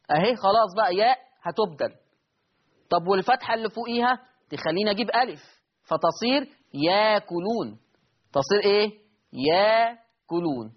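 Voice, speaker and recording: High-voiced Egyptian man teaching recitation. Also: breathy edge, dull audio. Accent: Egyptian Arabic. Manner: rhetorical questions, answers his own imagined student; drawn-out demonstrations of recited words. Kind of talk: Quran tajweed lesson.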